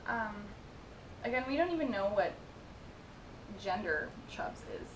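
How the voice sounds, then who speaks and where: A woman's voice: sing-song, a little slow. A twenty-one-year-old woman chatting casually as she reads out and answers viewer questions, with giggly asides. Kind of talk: casual Q&A chat. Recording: echoey room with noisy rumble.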